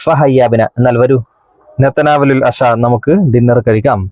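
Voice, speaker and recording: A man's voice: medium pitch, fairly even intonation, normal speed, darkish tone, no room sound, natural voice. A man reading the part of a kind policeman who questions a lost girl, with a Kerala accent and a lightly raised questioning voice. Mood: concerned.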